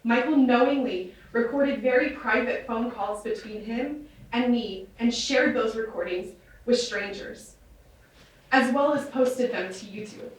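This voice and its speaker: A nervous woman reading a prepared victim impact statement aloud in a courtroom, measured and formal with soft fillers, captured on a courtroom recording. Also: a little high. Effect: courtroom audio recording. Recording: echoey courtroom, distant mic, faint hiss.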